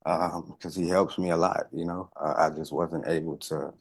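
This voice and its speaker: A man of about thirty from California, answering a judge in a courtroom in a halting, pleading way. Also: very deep voice, fairly even intonation, creaky, husky. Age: 30s. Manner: halting, many fillers, pleading. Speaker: defendant. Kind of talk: courtroom testimony.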